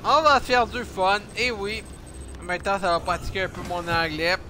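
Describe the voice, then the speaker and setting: A Québécois man streams a game and comments loosely, swearing and joking while he fumbles for words in English. His voice is high and very bright, and he speaks slowly. A faint hum of noise sits under it. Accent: Quebec French. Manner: crude, joking, halting English. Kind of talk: casual gameplay commentary.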